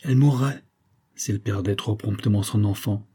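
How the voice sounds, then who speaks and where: A man voicing an anxious, cunning country bonesetter who speaks in hushed, confiding whispers. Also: on the low side, moderate pace, breathy edge. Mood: wary.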